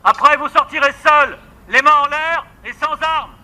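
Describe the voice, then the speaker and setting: An actor playing a police officer who calls out formal, commanding orders through a megaphone to a hostage-taker. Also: male voice, extremely high pitch, normal speed, pushed and bright, exaggerated voice. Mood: stern.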